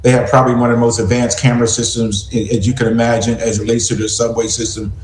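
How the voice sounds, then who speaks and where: A man's voice: mid-range voice, level tone, fast talker, a little mellow, reverberant, poor audio. A man speaking as a police commissioner over a video call whose connection keeps breaking up; he talks hesitantly, with fillers and restarts. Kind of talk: remote interview answers.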